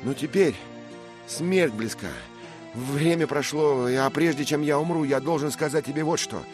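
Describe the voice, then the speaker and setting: A man's voice: low-pitched, animated, normal speed, music in the background, voice pushed up. A man voicing a bold, impulsive young squire who speaks in fervent exclamations, in a read-aloud story.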